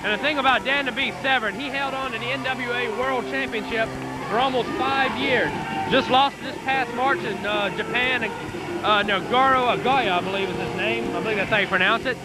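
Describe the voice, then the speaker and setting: A man's voice: extremely high pitch, normal speed, over loud music, poor audio. A man giving conversational, explanatory color commentary at a live wrestling event.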